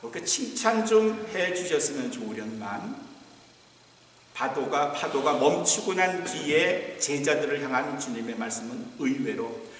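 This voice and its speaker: A high-voiced man preaches with dramatic swings, dropping to near whispers and then rising to emphatic calls. He sounds far from the mic in a church sanctuary. A long, heavy hall reverb trails every line. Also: expressive, unhurried, a little hiss or hum. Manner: dramatic, swings from hushed whispers to raised exclamations. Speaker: pastor. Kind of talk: sermon. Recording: echoey church hall, voice from afar.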